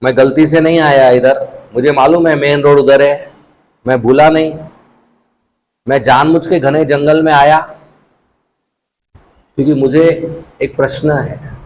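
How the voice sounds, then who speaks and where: A man voicing a calm, patient wandering sage in a spoken religious story. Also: on the high side, measured pace, pauses often, slight background noise, natural voice, poor audio.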